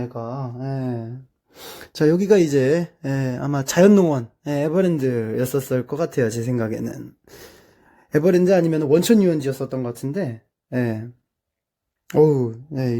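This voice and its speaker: A young man from South Korea talks through his childhood photos in a loose, chatty way, filling pauses with easy drawn-out fillers. His voice is deeply mellow and dark, at an ordinary middle pitch for a man. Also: expressive. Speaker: streamer. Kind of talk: casual commentary over childhood photos.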